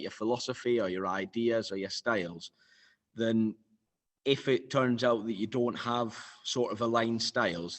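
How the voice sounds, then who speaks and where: A man at a mid pitch leads a group of coaches over a video call. He talks in a loose, chatty way, thinking aloud and restarting his sentences as he goes. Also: low-quality recording. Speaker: coach leading the group discussion. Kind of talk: casual video-call discussion.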